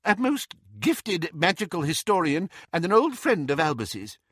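A man's voice: high voice, big pitch swings, a little slow, fairly bright tone, dry recording, clean studio sound, voice pushed up, heavily acted. A man doing a feeble flustered old wizard. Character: timid elderly wizard, feeble and anxious.

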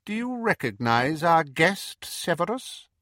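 A cold, cruel dark lord of a storybook, as a male reader puts him on, pitched well above the reader's own voice and drawn out slowly. The voice stays quiet yet menacing, bright-edged and close in a dry booth. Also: very animated, no echo, heavily acted. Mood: cold menace. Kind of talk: audiobook character voice.

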